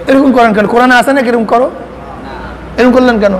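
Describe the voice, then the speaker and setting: A man's voice: very high voice, steady tone, brisk, a crowd in the background. A man, preaching an Islamic sermon and scolding with rhetorical questions. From Bangladesh. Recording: reverberant hall with faint noise.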